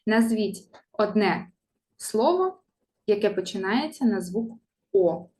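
A woman teacher giving a primary school reading lesson, talking slowly in a sing-song way to young children and modelling sounds for them to repeat. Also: medium pitch, expressive, darkish tone.

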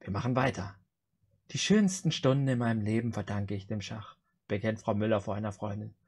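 A man's voice: lowish voice, fairly quick, darkish tone, slightly rough. A man hosting a joke challenge on a video call, reading out short jokes and acting out their dialogue. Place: indoor room on a video call.

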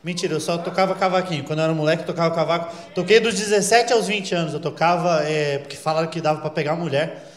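A man's voice: fairly high pitch, fast. A man in his thirties doing stand-up, telling a story, acting out voices and swearing. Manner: animated, acts out quoted voices, crude slang. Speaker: stand-up comedian. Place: comedy club stage. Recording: echoey live club with laughter.

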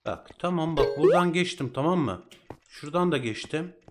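A man's voice: fairly high pitch, expressive, normal speed. A young man with a Turkish accent doing casual let's-play commentary, reacting with frustrated outbursts and exclamations. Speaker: gaming channel host. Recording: loud game music behind.

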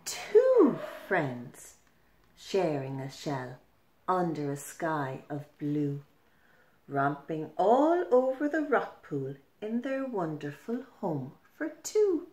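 A middle-aged woman tells a children's story with great expression. She reads very slowly and deliberately, swinging her pitch widely. The room gives her voice a noticeable echo. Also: wildly swooping pitch, dark tone. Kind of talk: animated children's picture-book reading. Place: small furnished room at home. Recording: roomy indoor echo.

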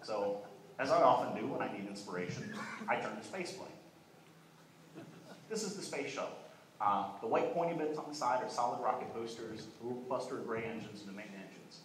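A young man giving a conference keynote, talking quickly and fluently with frequent "uh" restarts, in a large hall. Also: mid-range voice, expressive, fairly bright tone. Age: young adult. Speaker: keynote speaker. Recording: echoey hall, voice from far off, faint noise.

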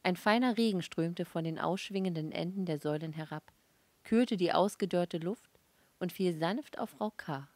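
A woman narrates a novel aloud in calm, measured audiobook style. Her voice sits on the low side and the recording is dry with no room sound. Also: no echo. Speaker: audiobook reader. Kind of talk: scripted narration.

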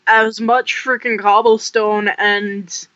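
Bright, dry lo-fi gameplay co-player. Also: mid-range voice, level tone, slow pace, dry recording. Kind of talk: casual gameplay chat.

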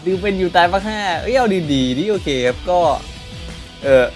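Young guy joking thru a let's play, crude banter, reads the lines out loud, game music going behind. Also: sits high, big pitch swings, normal speed. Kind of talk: casual game commentary.

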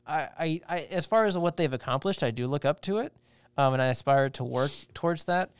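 A young man co-hosts a casual podcast, rambling and circling back to restart his sentences. His voice is smooth and clear. It sits close on the mic in a dead, dry room. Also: on the high side, brisk, dry recording. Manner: rambling, self-interrupting, restarts. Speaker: podcast co-host. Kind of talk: casual chat.

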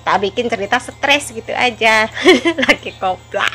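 A woman chats through a vlog story at an unhurried, drawn-out pace, in a fairly high voice. She keeps breaking into giggles and teasing herself, with soft music playing faintly behind her. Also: expressive. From Java. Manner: giggly, self-mocking, laughs often between phrases. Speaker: vlogger.

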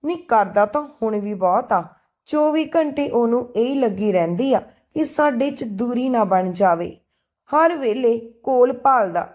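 A cheeky, cheerful young best friend from a spoken storybook, as a woman narrator puts her on. She jokes and teases in a slightly high, bouncy voice. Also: a little slow. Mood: playful. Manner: playful, joking and lively.

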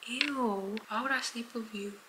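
A woman talks through her vlog from her bedroom in a bright, sharp voice. She chats in a loose, self-mocking way and swears freely. She keeps up a casual, running commentary. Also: fairly high pitch, a little slow, slight background noise, poor audio. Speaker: vlogger.

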